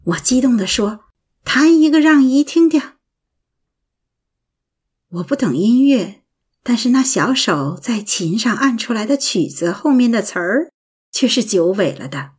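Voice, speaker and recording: A woman narrating a prose essay in a lilting, expressive reading voice. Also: mid-range voice, moderate pace. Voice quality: husky.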